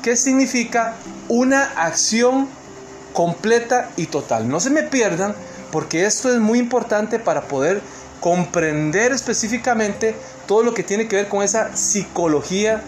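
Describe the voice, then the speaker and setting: A Costa Rican man speaking to an online seminar, earnest and emphatic, often pausing on fillers and restarting his sentences. His voice sits somewhat high for a man, and a steady hiss of noise runs under the call. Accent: Costa Rican Spanish. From Costa Rica.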